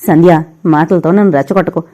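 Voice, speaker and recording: A heartbroken young man pours out pained, bitter words, begging his lost love to leave him. A woman reads him in an audio novel. The voice stays mellow and warm. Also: lowish voice, fast talker, close to an everyday voice. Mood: anguished. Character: heartbroken young man drinking himself to ruin.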